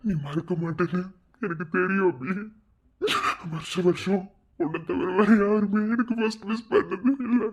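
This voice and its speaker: A man's voice: sits high, measured pace, hardly any pauses, a little mellow, slightly rough, highs cut off. A man voicing a grieving male doctor who pleads tearfully for forgiveness. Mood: pleading.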